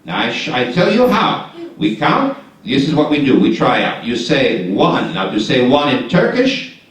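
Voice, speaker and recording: Here a man plays an eager, ingratiating male know-it-all in a live shadow puppet show, chatting away and leading the crowd in call-and-response. His mid-range voice swoops wildly in pitch at a moderate pace, heard from a distant mic in a hall full of echo.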